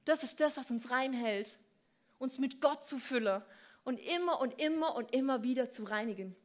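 A woman preaching a sermon in a church, speaking directly and informally to the congregation, with big swings between loud and quiet. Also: sits high, normal speed.

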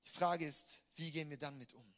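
A man preaching with a high, bright voice. He is emphatic, dropping low and quiet and then rising loud and urgent as he drives a point home. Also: steady tone, a little fast. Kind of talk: sermon.

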